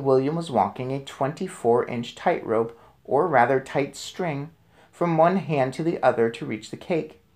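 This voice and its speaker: A man with a medium-pitched, darkish voice hosts a children's read-aloud, reading a storybook with casual commentary. He's chatty and enthusiastic, putting questions to the young listeners.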